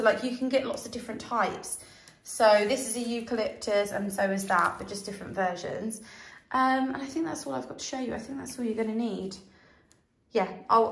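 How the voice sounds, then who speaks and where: A woman with a croaky voice, chatting casually through a craft tutorial with many fillers. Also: medium pitch, slight background noise. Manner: rambling, conversational, many fillers. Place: room at home under ceiling spotlights. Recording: echoey room.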